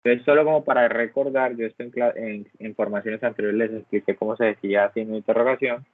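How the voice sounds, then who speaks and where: His mid-range voice is steady and quick as he leads an online English grammar lesson. He stays patient, explaining one step at a time and often asking the class "¿listo?". The video-call recording is dry and phone-like, without echo.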